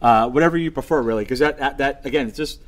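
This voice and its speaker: A man's voice: medium pitch, fast. A man, a chef leading a cooking demonstration with upbeat, enthusiastic chatter to his viewers. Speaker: chef cooking on a live show. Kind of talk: live cooking demo chat.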